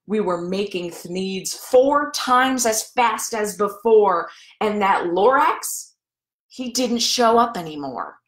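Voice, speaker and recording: A boastful, greedy factory owner, played by a woman reading aloud, tells his storybook tale with drama. The delivery is slow and measured, in an echoey room. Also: medium pitch, lively intonation. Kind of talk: children's storybook read-aloud.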